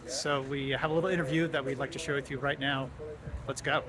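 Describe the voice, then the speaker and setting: A man's voice: mid-range voice, steady tone, brisk, crowd noise. A male host who asks questions eagerly in a casual interview, often restarting his sentences.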